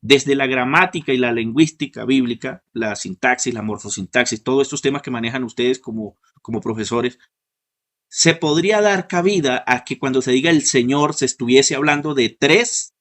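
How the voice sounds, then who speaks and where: A man at a middle pitch hosts an online debate over a call. He speaks in a measured, questioning way and invites his guests to answer. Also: fairly bright tone. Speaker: host and moderator.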